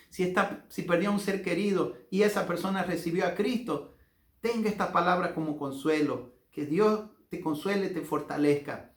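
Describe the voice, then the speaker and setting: A man with a Bolivian accent preaching as a pastor, fervent and slowing into drawn-out emphatic phrases as he leads a prayer. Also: sits high. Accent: Bolivian Spanish. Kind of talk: sermon with guided prayer. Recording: echoey room with faint music.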